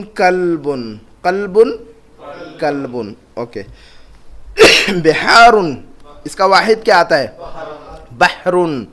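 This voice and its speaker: A man teaching a classroom lesson. He drills words, asks the class questions and repeats each word slowly and clearly. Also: high-pitched, fairly bright tone. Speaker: Arabic teacher.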